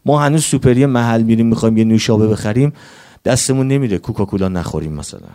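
A male preacher giving a Shia mourning sermon in a quick, conversational way, reciting Arabic quotations along the way. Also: fairly low pitch, dark tone.

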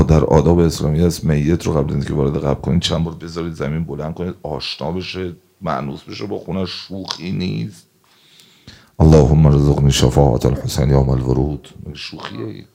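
A male preacher with a low voice full of gravel and creak. He tells stories and recites religious texts in Arabic. His delivery swings from loud emphatic outbursts to hushed, quiet passages. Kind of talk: emotional sermon with storytelling.

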